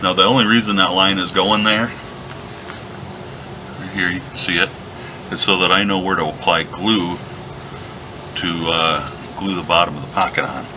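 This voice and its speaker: A man giving a relaxed, step-by-step leatherworking tutorial while he works at a workshop bench, recorded by a camera above the bench. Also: sits low, moderate pace, long pauses, background noise. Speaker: leatherworking instructor. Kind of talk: hands-on craft tutorial.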